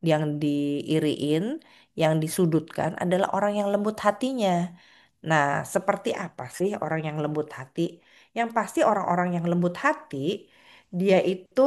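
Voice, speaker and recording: A woman giving a relaxed, conversational sermon in a slightly low voice. She talks to her listeners like a mother and acts out the voices she quotes. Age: adult with a child. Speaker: preacher.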